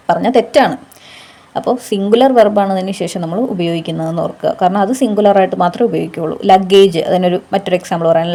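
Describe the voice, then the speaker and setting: A woman gives a patient grammar lesson in a warm, mellow voice. Her pitch sits in a middle range, neither high nor low. She keeps posing quick questions to her students and answering them herself, with a steady "okay" between points. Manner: patient, explains with rhetorical questions and frequent "okay". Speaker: exam coaching teacher.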